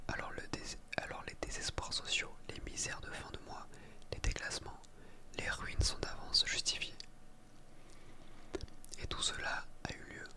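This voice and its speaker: A person reading a book aloud for ASMR in a soft library whisper, sometimes stumbling over words and correcting themselves. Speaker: ASMR reader.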